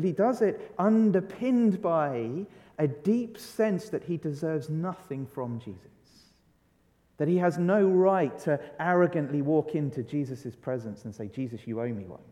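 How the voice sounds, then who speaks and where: Preacher with a mellow voice in a reverberant church. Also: male voice, on the high side. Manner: conversational preaching, asks the congregation questions, many restarts. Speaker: pastor. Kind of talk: sermon.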